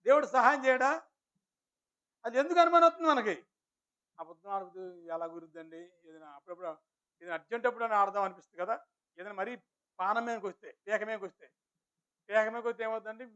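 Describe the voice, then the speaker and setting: A man with a very high, bright and forceful voice preaches a sermon. He keeps throwing rhetorical questions at the congregation while addressing them politely. The recording is dull and lo-fi. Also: quick pace, pauses often, clear, resonant tone. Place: village church.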